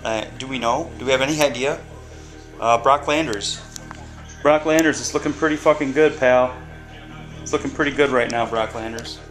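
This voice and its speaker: Laid-back guy in his thirties, middle pitch, loose and profane home-cooking vlog talk over background music on a webcam. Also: moderate pace, a bit bright, rough recording. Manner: rambling, swears freely, many ums and uhs. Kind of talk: casual talk to camera while cooking. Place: home kitchen, indoors. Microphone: webcam camera mic.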